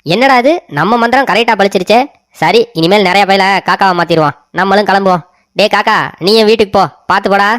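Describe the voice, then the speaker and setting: A man's voice: sits high, fast, fairly bright tone, no echo, studio quality. Man doing a boastful old forest sage, short on patience, cartoon story. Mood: impatient. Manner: impatient, boastful.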